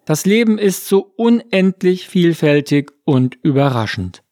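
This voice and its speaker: A man voicing a wise old farmer in a storybook reading, speaking in a slow, measured and unruffled way. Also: fairly high pitch, very animated, a little mellow, dry recording, clean studio sound. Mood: calm.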